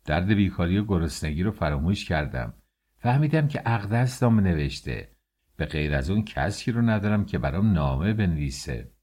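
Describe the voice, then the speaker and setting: A man narrating a first-person audiobook in a lively, colloquial storytelling manner. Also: sits low, slightly rough.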